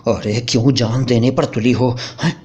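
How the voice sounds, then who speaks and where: A man voicing a frightened young husband who stammers and talks in a panicky hush, in a dull lo-fi recording. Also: mid-range voice, steady tone, moderate pace, lightly acted. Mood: pleading.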